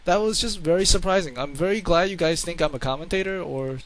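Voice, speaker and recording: A man's voice: a little high, fast, slight background noise, low-quality recording. A man giving casual, rambling play-by-play commentary on a strategy game into a home microphone, often repeating words for emphasis.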